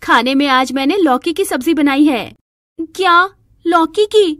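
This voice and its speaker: A woman's voice: sits high, unhurried, a bit bright, no echo, studio quality, pitched above the performer's own voice. A woman voicing a spoiled, stubborn young bride who whines and demands. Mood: petulant. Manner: whiny and demanding.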